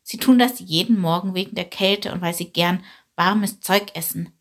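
A woman voicing a fat, easygoing male bird in a storybook reading, amused and reassuring, with a breathy tone. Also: lowish voice, moderate pace.

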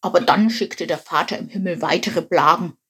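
A woman's voice: on the low side, normal speed, fairly bright tone, breathy edge. A woman playing a smug know-it-all frog. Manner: matter-of-fact, a bit smug.

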